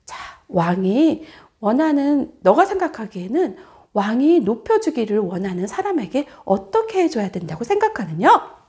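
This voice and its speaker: A woman preacher telling a Bible story to children in an animated way, often putting questions to her young listeners. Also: on the high side, normal speed.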